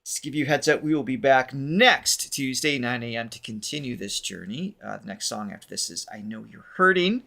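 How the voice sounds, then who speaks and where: A man co-hosting a live music reaction podcast, chatting casually, upbeat and quick to laugh. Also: mid-range voice, vocal fry. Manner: upbeat and animated, laughs often. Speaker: podcast co-host running a live reaction stream.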